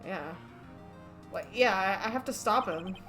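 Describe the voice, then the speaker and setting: A woman's voice: medium pitch, a little slow, bright, forceful tone, soft background music. A woman streaming a game with casual commentary, hesitantly thinking aloud as she goes.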